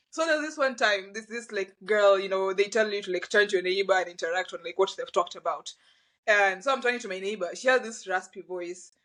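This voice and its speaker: A woman's voice: medium pitch, a bit bright, poor audio. A young woman with a Kenyan accent chatting casually, telling stories with laughter between phrases. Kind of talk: casual chat.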